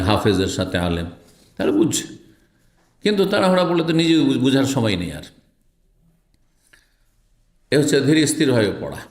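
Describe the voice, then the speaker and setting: Low-voiced islamic teacher guy, emphatic and repetitive, lecture in a roomy echoey room. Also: a little mellow. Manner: emphatic, repeats key points, drawls words to show slow recitation. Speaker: Islamic scholar teaching hadith. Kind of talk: religious lecture explaining a text. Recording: roomy echo.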